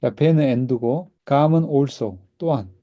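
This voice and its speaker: In a recorded classroom lesson, a man teaches Hebrew at a whiteboard, patiently explaining and repeating words so students can echo them. His mid-range voice moves slowly, and the audio's highs are cut off.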